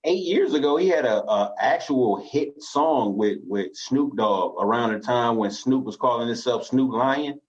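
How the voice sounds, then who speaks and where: A man co-hosting a casual podcast, bantering in a relaxed, slangy way and chuckling often. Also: medium pitch, measured pace, hardly any pauses, breathy edge, lo-fi sound. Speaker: podcast co-host. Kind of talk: casual chat.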